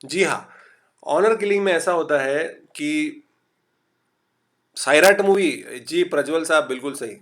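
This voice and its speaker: A man from Maharashtra, his slight Marathi accent colouring a fairly high, slightly bright voice, runs a live online class. He's chatty, reads out what students type, presses them to answer fast, and slips English into his lecture.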